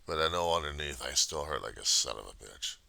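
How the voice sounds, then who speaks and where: A man giving a casual, profane confessional monologue in a halting, raw and emotionally weary way. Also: rumbling low, animated, gravelly, sharp tone, dry recording. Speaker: personal video diarist.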